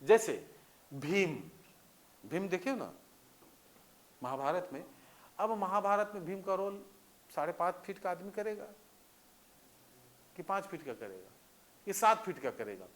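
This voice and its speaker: A man's voice: high-pitched, big pitch swings, a little slow, pauses often. A man teaching a lecture in a conversational way, often checking that students understand with repeated questions. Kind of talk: classroom lecture.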